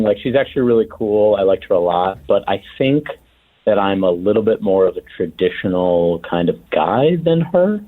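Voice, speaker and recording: A young man on speakerphone over a phone line, talking haltingly with lots of fillers. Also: lowish voice. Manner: hesitant, halting with filler words. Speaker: radio prank call subject. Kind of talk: casual phone chat.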